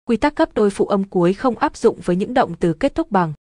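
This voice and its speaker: Woman teacher, mellow tone, dry close sound, measured scripted delivery. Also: mid-range voice, no room sound. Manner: even, measured explaining. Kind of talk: scripted grammar lesson narration.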